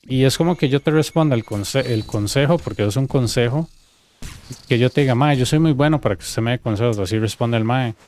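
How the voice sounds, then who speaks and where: A man with a Costa Rican accent chatting on a gaming stream, telling an animated story and acting out quoted dialogue. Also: medium pitch, fairly quick, slight background noise. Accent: Costa Rican Spanish. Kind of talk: casual gaming stream chat.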